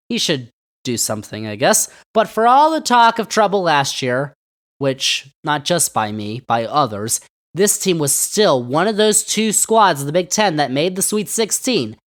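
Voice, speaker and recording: A man's voice: fairly high pitch, very animated, a little slow, a bit bright. A man hosting a solo sports podcast, talking sarcastically and throwing rhetorical questions at his listeners. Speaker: podcast host.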